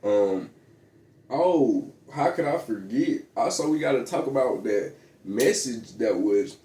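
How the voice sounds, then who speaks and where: A man's voice: mid-range voice, lively intonation, slow pace, warm tone. A man vlogging in a casual, rambling monologue, full of slang, fillers and restarts. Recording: echoey room.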